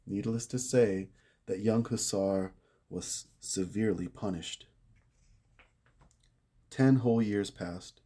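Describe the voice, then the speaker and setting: A low-pitched man with a warm, mellow voice reads a story aloud. He tells it with measured drama and lingers on key words. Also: breathy edge. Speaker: reader of a saint's life. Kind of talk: read-aloud narration.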